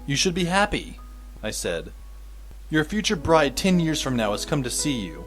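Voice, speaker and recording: Soft music plays behind a man whose voice is on the high side, sing-song and fairly bright, moving at a moderate pace. He's the narrator and lead actor of a fan audio drama, playing a wry, exasperated teenage schoolboy in scripted first-person narration that's dry and sardonic.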